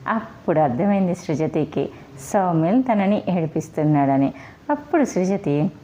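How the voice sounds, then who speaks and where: A woman narrating a romance story in a steady, plain reading style. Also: lowish voice, moderate pace, a little hiss or hum. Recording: dull lo-fi recording.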